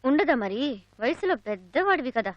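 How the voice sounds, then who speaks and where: A woman's voice: high voice, very animated, moderate pace, dry recording, highs cut off. An actress playing a strict, principled young woman lecturer who scolds sharply, in a dubbed film. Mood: cool mocking.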